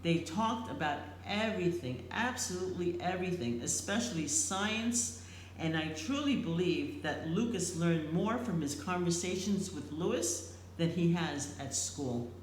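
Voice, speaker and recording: A middle-aged or older woman reads a prepared eulogy in a tender, solemn, slightly faltering way with deliberate phrasing. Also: fairly low pitch, animated. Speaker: eulogist, family member. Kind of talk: prepared eulogy read aloud. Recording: echoey room, faint background noise.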